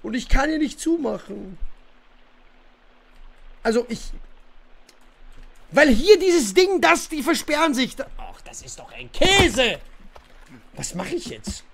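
Game streamer, casual livestream chat, rambling with fillers, lively swooping pitch, grumbles at the game. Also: slow, vocal fry, pauses often. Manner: rambling, many fillers and restarts.

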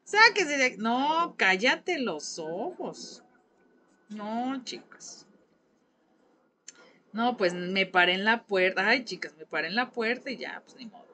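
A woman's voice: medium pitch, animated, slow pace, long pauses, sharp tone. A woman with a Mexican accent teaching a live painting class, chatting and gossiping with her viewers as she works. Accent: Mexican Spanish. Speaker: craft teacher.

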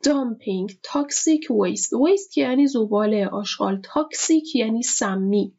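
A woman teacher giving a vocabulary lesson, explaining words slowly and repeating each one with its meaning. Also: fairly high pitch, animated, mellow, husky. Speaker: English teacher. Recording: dull lo-fi recording.

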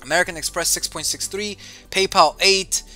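A man's voice: high-pitched, normal speed, soft background music. A man hosting an investing show, chatting casually while running through stock prices with a guest. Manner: lively, reads stock figures, says "dude". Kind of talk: casual market rundown chat.

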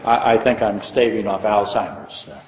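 A man's voice: lowish voice, animated, moderate pace. An older male pastor with a lisp, giving a casual, joking Bible lecture and reading letters aloud. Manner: joking, self-deprecating, reads letters aloud. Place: church hall. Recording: echoey hall with long reverb.

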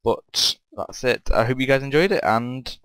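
A man's voice: medium pitch, expressive, normal speed, fairly bright tone, no room sound. A man casually commenting as he plays and builds in a game, rambling and thinking aloud as he asks himself questions. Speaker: game player and channel host. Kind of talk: casual let's-play commentary.

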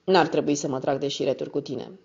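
A woman reading the part of a drunk, coarse older woman who is suspicious and greedy for whisky, with a thick, boozy voice and rough slangy talk. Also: deep voice, steady tone, a little mellow, heavily acted. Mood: coarse, tipsy. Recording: slightly muffled recording.

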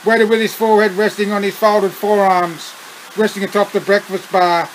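A man with an Australian accent reading his own story aloud, unhurried, breaking off for chuckling asides. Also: high voice, flat delivery, a little hiss or hum, rough recording.

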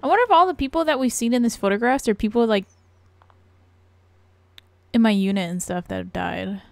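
A woman's voice: on the high side, brisk, creaky, no echo. A woman streaming a horror game, commenting in a casual, joking and profane way. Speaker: gaming streamer. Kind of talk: let's-play commentary.

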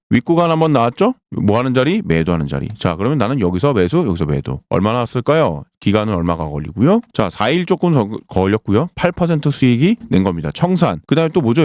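A man delivers a fast, hard-selling crypto chart walkthrough, his pitch leaping high and dropping low from phrase to phrase. He keeps asking the listener questions and answering them himself. The voice is close and dry with no room sound. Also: darkish tone, no echo. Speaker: crypto channel host.

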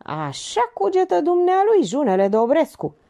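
A woman voicing a sharp, self-assured older female sleuth who talks briskly and ironically. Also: high-pitched, wildly swooping pitch, pitched above the performer's own voice, heavily acted. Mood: ironic.

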